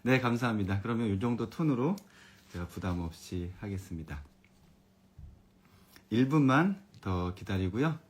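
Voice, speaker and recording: Speaking in a calm, easygoing tone, this elementary education expert hosts a warm live-streamed talk for parents, reading out viewer comments and chatting with the audience. His pitch is fairly low, his pace normal, and he pauses frequently.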